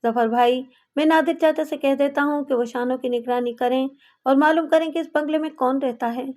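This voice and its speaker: A woman reading the part of a tormented young brother with a short fuse, pleading in a high, light voice that stays close to her own. the lines come across as an impassioned audiobook reading rather than a fully acted male voice. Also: steady tone, a little mellow, close to an everyday voice. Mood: calm. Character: young man, tormented, hot-tempered elder brother.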